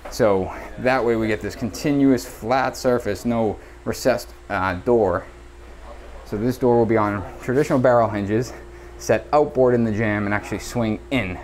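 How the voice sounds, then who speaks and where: On a head-mounted action camera, a builder tours bare rooms in an indoor renovation, explaining in a casual way the construction features he points out. His voice is medium-pitched with a darkish tone at normal speed, against slight background noise.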